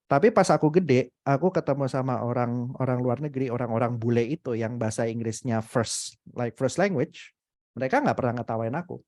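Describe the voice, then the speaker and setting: A young adult man giving a casual, motivational webinar talk, animated and full of hesitant fillers. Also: medium pitch, fairly quick, dry recording. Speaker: webinar speaker.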